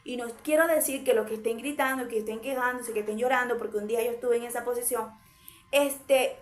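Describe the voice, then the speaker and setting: A woman delivers a sermon in a high voice, stacking short repeated phrases for emphasis. Her voice rings with a roomy echo around it. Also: fairly even intonation, fairly quick. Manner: emphatic, repetitive preaching in short parallel phrases. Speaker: preacher.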